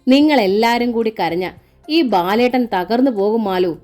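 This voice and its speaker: A woman's voice: on the high side, normal speed, dark tone, soft background music, voice pushed up, lightly acted. A woman voicing an elder brother who comforts his wife in a cracked, pleading voice. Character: older brother, broken but comforting.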